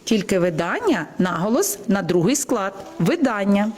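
A woman's voice: medium pitch, big pitch swings, moderate pace. A woman teacher giving classroom instruction, correcting pupils and stressing where word accents fall.

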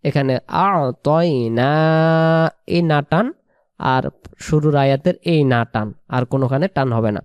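A man teaching Quran pronunciation, spelling out letters and vowels one by one and repeating each word slowly. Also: mid-range voice, clean tone, no echo.

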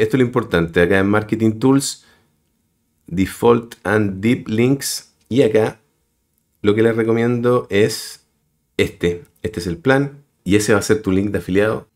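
A man hosting a screen-recorded web tutorial, explaining step by step and addressing his viewers directly. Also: deep voice. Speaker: tutorial host. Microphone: voice-over on a screen recording.

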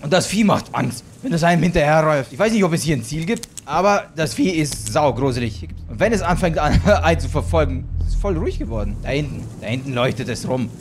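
Excitable man narrating a horror game. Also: on the high side, quick pace, few pauses, slight background noise. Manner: excitable, swearing, shrieks when scared. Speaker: let's play host. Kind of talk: gaming commentary.

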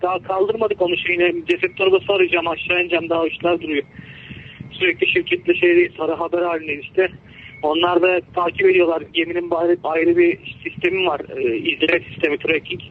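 A man, a ship's engineer, calling in over a ship's radio link, injured and shaken, talking haltingly and repeating himself with many fillers. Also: sits high, little pitch movement. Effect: heard over a crackly ship's radio link. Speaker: ship's engineer on a hijacked vessel. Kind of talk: emergency radio call. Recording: tinny radio line with faint noise.

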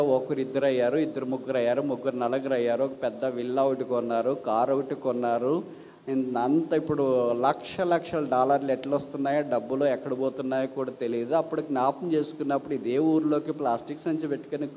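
A man's voice: mid-range voice, fairly even intonation, fast talker, dark tone. A male pastor preaching a sermon, asking rhetorical questions and giving homely everyday examples. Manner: switches briefly into English glosses. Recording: long hall reverb.

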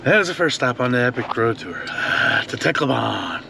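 A man's voice: mid-range voice, expressive, normal speed, vocal fry. A man casually narrating a road trip vlog while driving, rambling and joking with frequent laughs. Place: inside a moving car. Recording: distant voice, loud road noise.

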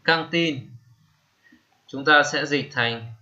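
A man, teaching vocabulary slowly, repeating each term and pausing with many fillers. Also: fairly high pitch, bright, forceful tone, lo-fi sound. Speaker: English teacher. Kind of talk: screen-recorded lesson.

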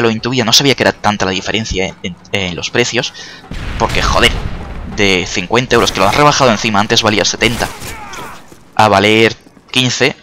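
A man's voice: on the low side, bright, forceful tone, a little hiss or hum. A young man from Spain with a Spanish accent, chatty and sarcastic as he comments on his own gameplay, yelping at the game now and then. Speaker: gaming YouTuber. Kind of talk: let's-play commentary. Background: faint game gunfire.

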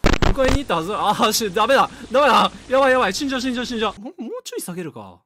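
A young man streaming a game in casual chat, jumpy and prone to loud yelps and laughter. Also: high voice, expressive, very fast, slight background noise.

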